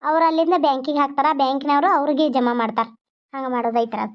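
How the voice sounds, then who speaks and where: A woman's voice: high-pitched, fast, lightly acted. A woman voicing a polite, chatty middle-aged housewife with a North Karnataka Kannada accent, explaining at length. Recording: dull lo-fi recording.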